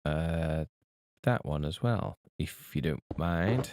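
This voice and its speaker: A man casually talking to himself while playing a video game, relaxed and unhurried. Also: very deep voice, dry recording, clean studio sound. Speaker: gameplay video host. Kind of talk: casual gameplay commentary.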